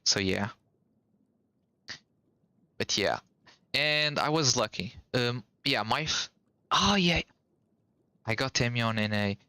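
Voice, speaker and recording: A young Portuguese game streamer, a native speaker with a Portuguese accent, chats loosely with viewers, rambling in slang and often restarting his sentences. His lowish voice sounds pushed and bright, with a clean, echo-free, studio-quality recording.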